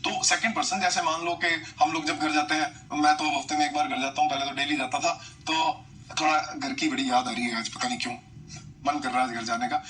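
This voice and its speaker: A man's voice: fairly high pitch, fairly bright tone, distant mic, slight background noise, rough recording. A man teaching English grammar, chatty, repeating points and quizzing his students. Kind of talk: live online class, explaining in Hindi.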